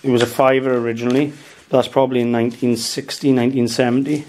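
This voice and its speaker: A man's voice: mid-range voice, level tone, fast talker, darkish tone, a little hiss or hum. A Welsh man in his thirties, an antiques dealer, chatting casually at home about his market buys and sprinkling "um" and "guys" through his tips. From Wales. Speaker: antiques dealer and channel host. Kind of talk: casual show-and-tell vlog. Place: dining room at home, indoors.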